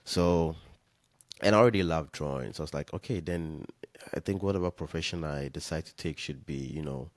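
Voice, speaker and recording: A young man from Ghana talks as a podcast guest, his voice extremely low and deep. He rambles easily, circling back with fillers and restarts. The sound is dry and close, with no room around it. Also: brisk, no room sound. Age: young adult. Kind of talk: casual interview chat.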